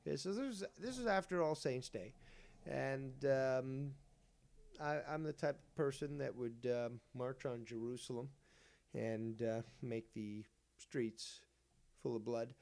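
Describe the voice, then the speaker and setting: A man's voice: mid-range voice, unhurried, gravelly, a little mellow. A man hosting a livestream, announcing in a theatrical way and swearing crudely. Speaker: stream host. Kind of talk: livestream drama talk.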